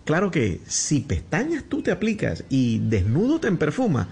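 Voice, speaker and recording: Animated coastal Colombian man reciting comic verse. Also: fairly high pitch, moderate pace, vocal fry, husky. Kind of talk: humorous rhyming verse recital.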